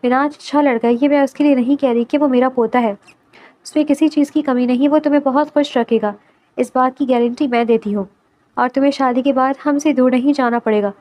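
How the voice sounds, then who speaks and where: A doting, firm old grandmother, read by a woman speaks gently and coaxingly in a narrated romance. The voice sits high. It stays close to the reader's own tone. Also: fairly even intonation, close to an everyday voice.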